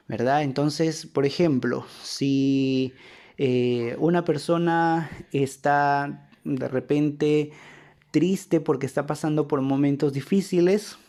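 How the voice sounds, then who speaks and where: Male teacher, mellow tone; patient, repeats himself, keeps checking the students follow. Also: a little high. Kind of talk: recorded grammar lesson.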